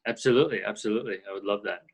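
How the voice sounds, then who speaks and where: Low-voiced man on a video call. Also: rapid-fire, slightly rough. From Canada. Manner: thoughtful, many fillers and restarts. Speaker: guest, orchestral percussionist. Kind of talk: casual interview chat. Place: ski and golf resort, indoors.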